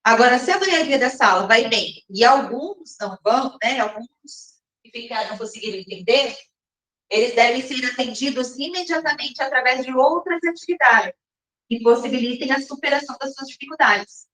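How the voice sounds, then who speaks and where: A woman teacher explaining step by step in a recorded lesson, often checking in with her listeners and reading some passages slowly. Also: sits high, lively intonation, fairly bright tone. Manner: slows down and reads some passages slowly, as if from a text. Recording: roomy echo, mic at a distance.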